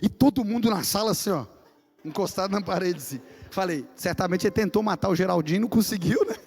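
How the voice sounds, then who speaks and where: High-voiced Brazilian-church pastor preaching. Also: male voice, fast talker, faint music behind. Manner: animated storyteller who builds to impassioned preaching. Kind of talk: sermon with dramatic storytelling.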